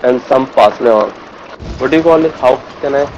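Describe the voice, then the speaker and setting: A man's voice: mid-range voice, a little fast, muffled recording. A man with an Indian accent chatting casually with teammates in an online game, often repeating short phrases. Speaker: squad gamer. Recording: game voice chat, faint noise.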